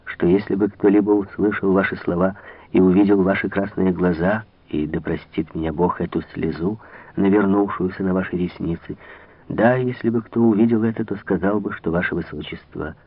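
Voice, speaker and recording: Low, husky devoted count, read by a man, gentle and courtly, phone-thin radio sound. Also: fairly even intonation, fairly quick, dry recording. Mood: respectful. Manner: soft, respectful, gentle. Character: devoted, restrained young count courting a princess. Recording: tinny old radio broadcast.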